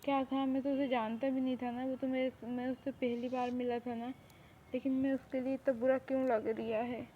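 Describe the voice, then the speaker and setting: A woman's voice: sits high, little pitch movement, fairly quick, close to an everyday voice. A woman voicing a harsh young male mafia boss who gives orders in a commanding, scolding way, in a fan audio drama. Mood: troubled. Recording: tinny phone-like recording, faint hiss.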